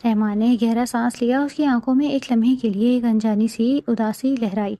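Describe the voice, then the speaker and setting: A woman narrating a romance novel she wrote, in soft, steady storytelling. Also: a little high, no room sound.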